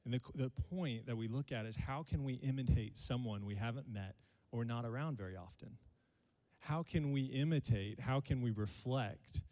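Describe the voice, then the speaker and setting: A man's voice: mid-range voice, moderate pace, dark tone, in a large hall. A male pastor, preaching a sermon to his congregation and joking with them. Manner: playful, jokes with the congregation.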